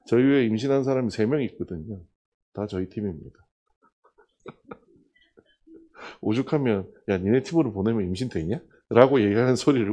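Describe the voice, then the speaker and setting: A middle-aged male pastor preaching a sermon, telling a personal testimony and acting out the dialogue of the people in it. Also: fairly high pitch. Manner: storytelling, acting out dialogue with lively swings.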